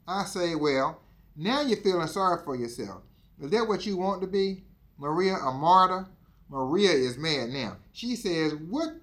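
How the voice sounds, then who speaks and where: A man reads aloud from a book, pausing often to speak directly to his listeners as teammates. His voice sits high for a man, and he preaches with repetition. The tone is that of a motivational lesson. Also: a bit bright. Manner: preachy, repeats himself, talks to listeners as teammates. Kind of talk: reading aloud with commentary.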